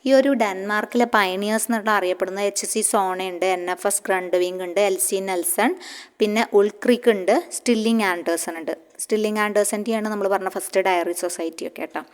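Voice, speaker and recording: A woman's voice: mid-range voice, fairly even intonation, a little fast, clean tone. A woman coaching students for a clerk exam, asking questions and answering them herself, often repeating the key answers. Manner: repeats key answers, asks and answers own questions, ends with "kettō". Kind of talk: exam-prep lecture. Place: the Malayalam-speaking region of India.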